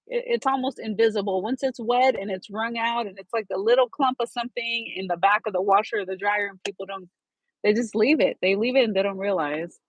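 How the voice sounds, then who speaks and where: A woman's voice: medium pitch, no echo, poor audio. A woman hosting a casual live-stream chat, talking in a rambling way with frequent restarts. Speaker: channel host.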